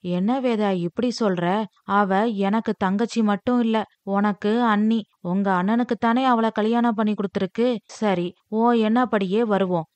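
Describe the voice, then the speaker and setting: A woman voicing a worried middle-aged father who reasons calmly with his family, in a dry recorded storybook reading. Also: mid-range voice, normal speed, no room sound, natural voice. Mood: reasoning.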